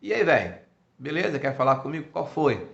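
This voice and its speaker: Man playing a casual brother, Bahian accent, gravelly, echoey muffled sound. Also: a little high, fairly quick, voice pushed up. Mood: relaxed. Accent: Bahian Portuguese. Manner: relaxed and colloquial, local slang. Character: older brother, casual and warm-hearted.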